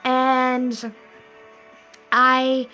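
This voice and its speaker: A young woman giving an earnest, animated, chatty motivational talk to camera, laughing now and then. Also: sits high, very slow, clean tone, soft background music. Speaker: vlogger.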